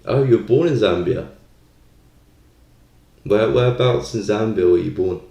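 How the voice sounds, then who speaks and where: On this live stream, a male trading host gives relaxed market commentary, hesitating as he thinks out loud. His gravelly voice sits on the low side, dark in tone, and he keeps a measured pace. The audio is echoey and roomy, with the highs cut off.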